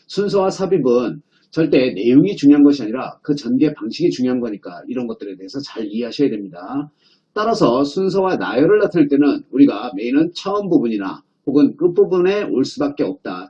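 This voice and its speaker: A man delivering a recorded exam-prep lecture in a mellow, darkish voice at an ordinary middle pitch. He keeps tossing out rhetorical questions and answering them himself. The sound is slightly muffled and lo-fi. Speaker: English teacher.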